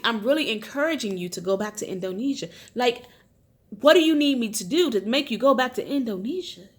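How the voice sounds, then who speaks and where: A woman's voice: a little high, fairly bright tone. A woman giving casual commentary as a reality TV reviewer, blunt, opinionated and profane.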